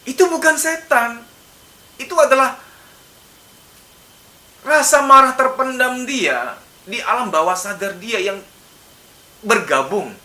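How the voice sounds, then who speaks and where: A man lecturing as a psychologist in a casual conversational register, animated and acting out his examples with sudden loud bursts. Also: extremely high pitch, slow, long pauses. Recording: echoey room, mic at a distance.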